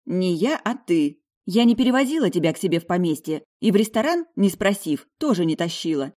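A woman voicing a feisty young noblewoman who turns loud, shrill and bossy when provoked. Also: very animated, fairly quick. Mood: indignant.

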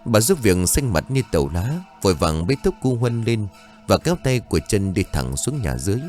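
A man narrating a scripted horror story in a slow, suspenseful reading voice. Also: lowish voice, sing-song, darkish tone. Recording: music bed behind the voice. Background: faint music.

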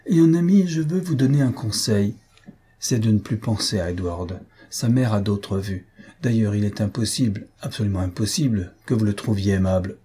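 A man doing a vain, foppish young gentleman. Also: on the low side, moderate pace, slightly rough. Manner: affected, mocking and chatty.

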